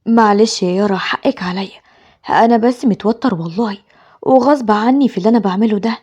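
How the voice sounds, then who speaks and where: A woman's voice: medium pitch, quick pace, darkish tone, husky, close to an everyday voice. A woman with an Egyptian accent voicing a harsh, controlling young husband who speaks in threats and commands. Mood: apologetic. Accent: Egyptian Arabic.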